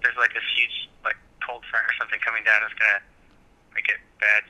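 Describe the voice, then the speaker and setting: A young man heard through a phone set on speakerphone, his voice sharp and bright. He rattles along quickly in an offhand, casual way, like a student calling home. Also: fairly low pitch, monotone, rough recording. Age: young adult. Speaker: caller, the hosts' son. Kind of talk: casual chat.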